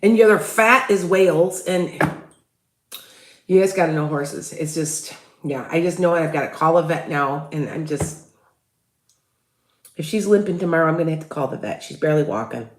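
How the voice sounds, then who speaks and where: A low-voiced woman from the Midwest with a Chicago accent hosts a casual psychic livestream at normal speed, leaving long pauses. Her sentences ramble loosely with many restarts, she asks viewers for tips, and the sound is roomy.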